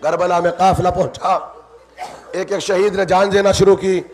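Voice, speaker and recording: A high-pitched man delivers an impassioned mourning recitation at a religious gathering. His voice swells from hushed storytelling into loud, pleading cries. He is dramatic and deeply emotional throughout. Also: little pitch movement. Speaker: majlis orator reciting mourning narratives.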